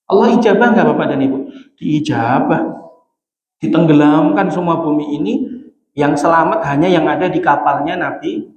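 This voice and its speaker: A man's voice: fairly high pitch, moderate pace, lo-fi sound. A middle-aged man giving a conversational sermon, telling stories and acting out dialogue with chuckles. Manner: animated, acts out dialogue, chuckles at own jokes. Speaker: Islamic preacher. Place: large mosque hall. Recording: echoey mosque hall with long reverb.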